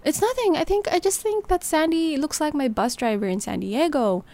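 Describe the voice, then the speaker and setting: A woman's voice: high-pitched, moderate pace, mellow, dry recording, voice pushed up. A woman voicing a frightened kidnapped girl who answers hesitantly and evasively.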